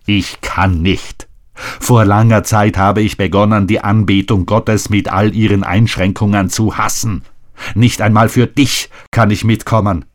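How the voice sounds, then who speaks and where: In a storybook reading, a man plays a proud young man who loves power. He pleads in a broken, urgent way, the voice pitched a little higher than the reader's own. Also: steady tone, measured pace, natural voice. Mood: stubborn.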